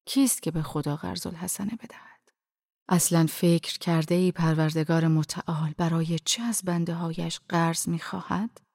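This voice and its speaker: A woman reading an audiobook voices a calm, wise old male dervish, speaking quietly, firmly and gently, often half-whispered. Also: lowish voice, vocal fry, no room sound, clean studio sound. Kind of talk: audiobook narration.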